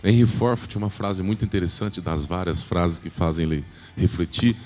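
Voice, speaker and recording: A man's voice: deep voice, a little fast, darkish tone. A man giving an emphatic motivational sales talk at a church event, often asking the audience questions. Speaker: business speaker at a church event. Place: large church hall. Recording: long hall reverb, faint music.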